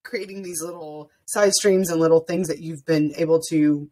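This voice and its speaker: A woman's voice: low-pitched, steady tone, moderate pace, warm tone. A young woman hosting a podcast, chatting earnestly and emotionally, often restarting her sentences. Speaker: podcast host. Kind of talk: casual interview chat.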